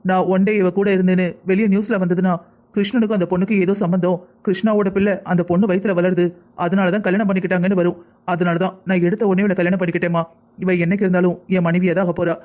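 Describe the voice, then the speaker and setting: A man's voice: high-pitched, level tone, racing, a little mellow, close to an everyday voice. A man voicing an earnest young groom. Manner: earnest, explaining. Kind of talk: cartoon family drama acting.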